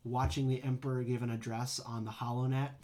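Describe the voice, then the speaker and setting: A man's voice: mid-range voice, little pitch movement, brisk, warm tone, a little hiss or hum. A man co-hosting a podcast in casual fan chat, playful and given to joking asides. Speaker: podcast co-host.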